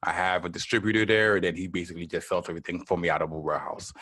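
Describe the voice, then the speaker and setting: A man from Miami, a podcast guest talking in a relaxed, chatty way, often checking in with a quick "right?". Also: low-pitched. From Miami, United States. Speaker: guest, entrepreneur. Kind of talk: casual interview chat.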